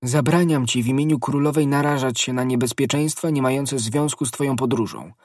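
A man's voice: medium pitch, steady tone, brisk, darkish tone, no echo, studio quality, voice pushed up, close to an everyday voice. A man voicing an anxious young woman. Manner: pleading, fearful.

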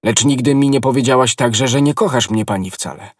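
A man's voice: medium pitch, a little fast, slightly rough, dry recording, studio quality, far from the mic, pitched above the performer's own voice, close to an everyday voice. A man reading an ardent lovesick nobleman. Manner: passionate, impassioned declarations. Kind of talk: audiobook character reading.

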